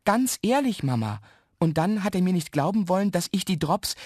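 A man's voice: high-pitched, normal speed, a little mellow, no room sound, studio quality, voice pushed up. A man voicing a young boy in a children's radio story, protesting and stammering. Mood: earnest. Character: young boy, sheepish but spirited.

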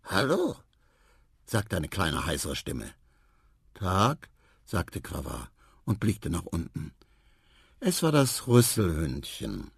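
A man reading a children's radio story aloud in a gentle, storytelling manner. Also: a bass voice, sing-song, slow, gravelly, breathy edge, no echo, clean studio sound. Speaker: narrator.

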